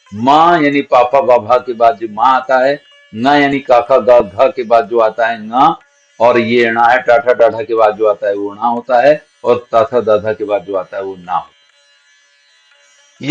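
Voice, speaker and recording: A male teacher working through a grammar lesson, pronouncing syllables one at a time to show how each is formed. He speaks at a mid pitch, and the recording is dull and lo-fi. Soft instrumental music plays faintly underneath. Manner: explains patiently, sounds out each syllable slowly as an example.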